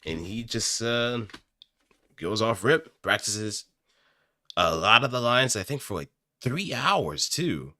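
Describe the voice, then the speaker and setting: A would-be amateur voice actor speaks slowly in a low, sing-song voice with a sharp tone. He rambles casually to viewers, hesitating as he thinks aloud. The recording is dry, from a close studio microphone.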